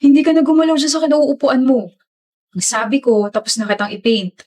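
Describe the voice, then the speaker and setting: A woman's voice: high voice, brisk, a little mellow. A woman voicing a proud, affectionate father who paints.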